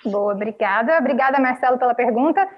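A woman moderating a press conference, briskly reading out questions. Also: a little high, dull audio.

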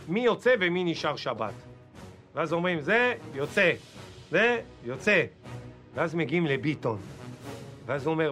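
A male comedian tells an anecdote with lively delivery, acting out what people said. His voice sits high, and faint music plays underneath. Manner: lively, acts out quotes. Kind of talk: storytelling.

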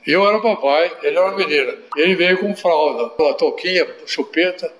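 An older Brazilian man with a fairly high voice tells stories in an animated, anecdotal manner. His talk is full of little tag questions. The sound carries an echoey room. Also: brisk. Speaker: interview guest. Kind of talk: storytelling in an interview.

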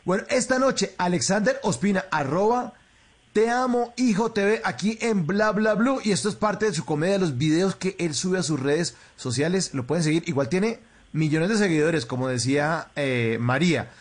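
A man hosting a talk show, introducing a guest and chiming in with quick agreement. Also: sits high, animated. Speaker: host.

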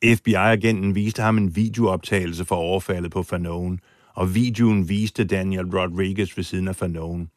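A man's voice: low-pitched, fairly even intonation, dry recording, clean studio sound. A man telling a true story as host in scripted documentary narration, acting out the quoted lines with drama. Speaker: podcast host and foreign correspondent.

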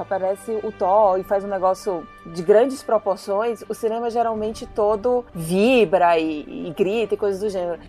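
A woman's voice: medium pitch, a little mellow. A woman with a Brazilian accent on a casual podcast, explaining her point at length. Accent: Brazilian Portuguese. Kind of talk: casual chat.

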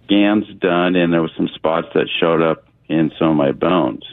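A man in his sixties calling in to a radio show, talking haltingly with restarts and clearing his throat. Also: low-pitched. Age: 60s. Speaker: caller. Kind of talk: call-in question. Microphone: telephone. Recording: phone line.

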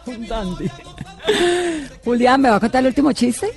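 Male radio host, high mellow voice, teasing questions. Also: unhurried, creaky, soft background music. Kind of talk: casual radio chat.

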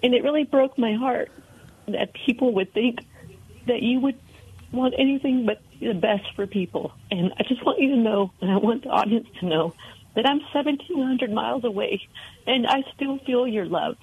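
A woman calling in to a radio show over a telephone line, speaking earnestly and haltingly with many fillers. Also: fairly high pitch, slightly rough. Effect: heard over a telephone line. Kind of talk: heartfelt call-in message. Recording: tinny phone line.

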